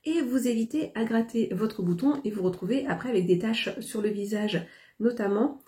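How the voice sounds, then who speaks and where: A woman's voice: a little high, moderate pace, warm tone. A young woman chatting casually to camera about her shopping haul, hesitant and full of fillers. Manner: hesitant, many fillers and restarts. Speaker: haul vlogger.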